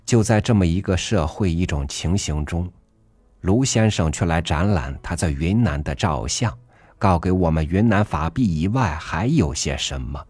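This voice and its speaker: A man reading a literary essay aloud for a podcast, measured and earnest, rising emphatically on rhetorical questions. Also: low voice, animated, slightly rough, dry recording. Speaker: podcast reader. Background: soft background music.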